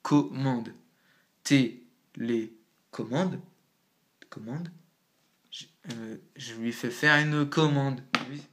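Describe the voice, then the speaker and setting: A man talks through a casual home-made tutorial at a middle pitch. His speech is slangy and loose, and he works things out aloud as he goes. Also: very slow, long pauses, fairly bright tone. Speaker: amateur rapper explaining rhyme.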